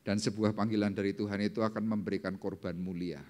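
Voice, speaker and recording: A man's voice: little pitch movement, a little mellow. Man preaching in an echoing church. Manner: dramatic, slowing down and rising in pitch for scripture quotes. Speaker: pastor. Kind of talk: sermon. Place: church service hall. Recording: long hall reverb in a church.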